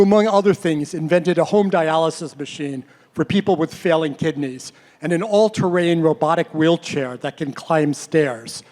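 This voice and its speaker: A man hosting an award gala and narrating its tribute video in a measured, formal scripted delivery. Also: a little high, darkish tone. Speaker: host and narrator.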